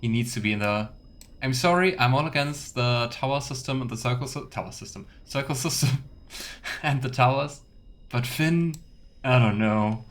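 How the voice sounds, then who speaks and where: Faint game ambience plays behind a man who streams and does let's plays, casually commenting, talking to his chat and voicing in-game text. His voice is mid-range and his pace moderate.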